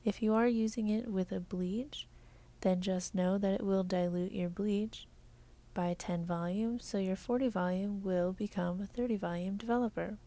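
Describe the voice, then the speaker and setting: A woman talks through a beauty tutorial in a soft, mellow voice-over. Her tone is warm and low-key, often slipping into a breathy half whisper. Some stretches are flat and measured, others quicker and more casual. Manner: flat and measured at first, then quicker and chattier. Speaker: beauty vlogger.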